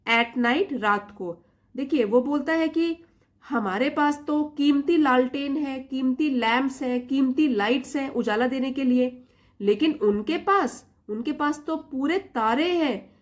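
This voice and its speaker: A woman with an Indian accent who teaches English. She reads English sentences slowly, word by word, then explains them in Hindi. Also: sits high. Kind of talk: Hindi-medium English reading lesson.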